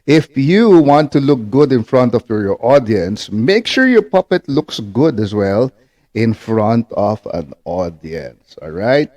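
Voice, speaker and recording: A ventriloquism instructor speaks slowly in a medium-pitched, sing-song, slightly mellow voice while demonstrating. He's patient and repetitive, often checking in with short tag questions.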